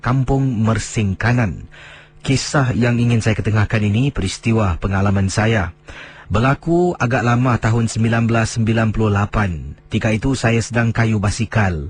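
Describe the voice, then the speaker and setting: A man, a radio host telling listeners' horror stories late at night, slowing down and dropping his voice low for suspense. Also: a little hiss or hum. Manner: dramatic storyteller, slows and drops low for suspense. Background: music bed.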